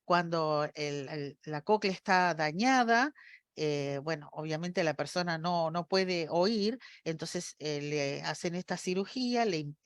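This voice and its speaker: A woman's voice: on the low side, no echo. A woman gives a university lecture, explaining step by step and often checking that her audience follows. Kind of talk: academic lecture.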